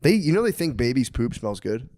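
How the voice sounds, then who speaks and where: Brief: male podcast co-host, middle pitch, dry close mic, excitable and profane, laughs easily. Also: a little fast, no room sound. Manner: animated, swears a lot, bursts into laughter. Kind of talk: casual crude banter.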